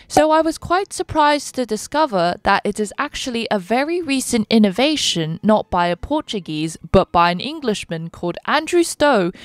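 A young woman giving a scripted, even voice-over for her travel vlog. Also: mid-range voice, no echo. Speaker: travel vlogger.

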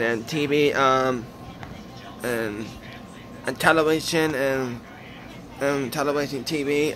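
A man filming a casual home vlog, speaking haltingly and repeating his phrases with many fillers. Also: mid-range voice, noisy background. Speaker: vlogger. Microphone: phone.

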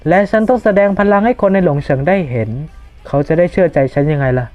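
A dub reader voicing a cocky young male hero who speaks calmly and confidently, in a manga fan dub. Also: mid-range voice, fast, natural voice. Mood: smug. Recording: dull lo-fi voice-over with faint music.

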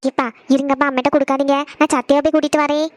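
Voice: high voice, level tone, very fast, no room sound, studio quality, natural voice. A performer voicing a curious young girl who keeps asking her parents questions, eager and talkative.

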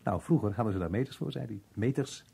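An actor playing a muddled, evasive working man in an old radio drama, halting and puzzled, with a rough, husky voice. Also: fairly low pitch, warm tone, exaggerated voice. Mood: rambling, confused. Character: muddled, evasive working-class man, slow to grasp questions.

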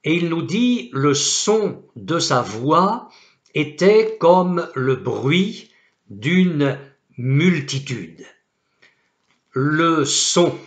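A male pastor delivers a sermon in a measured, unhurried cadence with a fairly high voice. He reads scripture solemnly and with great deliberation. The recording carries a noticeable room echo. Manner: slow, deliberate preaching with solemn Bible quotations.

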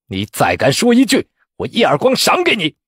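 A man voicing a greedy, cowardly male exam official who mocks candidates with a shrill, sneering voice. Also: very animated, moderate pace, no room sound, studio quality. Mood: bullying. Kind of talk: storytelling voice acting.

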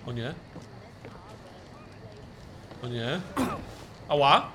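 A young man giving live commentary on a horror game, yelping and shrieking when scared and muttering low in between. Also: expressive, measured pace, bright, forceful tone, a little hiss or hum. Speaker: streamer.

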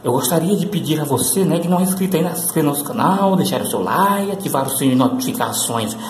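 A man's voice: a little high, animated, fast. Male host, casual rambling lesson talk, roomy echo, faint hiss behind. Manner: rambling, full of tag questions and fillers. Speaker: English teacher and channel host.

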